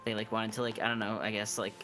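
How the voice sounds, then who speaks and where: A man's voice: fairly low pitch, flat delivery, quick pace, sharp tone, soft background music. A man streaming a game and chatting casually, telling stories with lots of fillers and restarts. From Canada.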